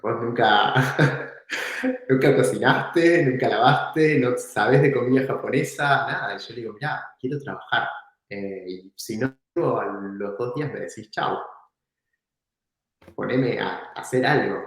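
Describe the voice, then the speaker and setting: An entrepreneur who sounds Argentine tells stories casually during an interview, relaxed and reflective with the odd laugh. His mid-range voice moves at a measured pace in a very echoey room.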